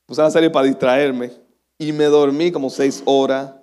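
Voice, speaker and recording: A man's voice: mid-range voice, steady tone, moderate pace, darkish tone. A young man preaching a sermon as a pastor, chatty and self-deprecating, laughing often.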